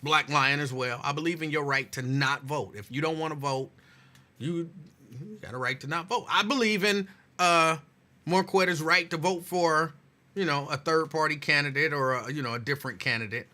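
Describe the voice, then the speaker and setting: A male talk show host with a voice on the high side and a sharp tone chats casually with listeners at normal speed. He is losing his voice and repeats phrases as he talks.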